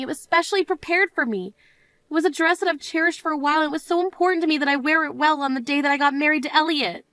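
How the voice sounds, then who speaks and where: A woman voices a composed young bride in an animated story, firm, cold and measured, sounding upset. Her voice sits high, and there's no room sound.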